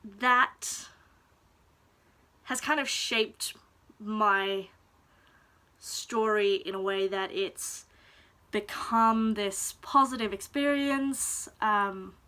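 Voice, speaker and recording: A young woman from Denmark talks slowly and thoughtfully straight to her viewers, pausing often to find her words. Her voice is bright and clear, and she takes her time in an unhurried, reflective way. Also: mid-range voice. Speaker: vlogger. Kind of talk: personal confessional vlog talk.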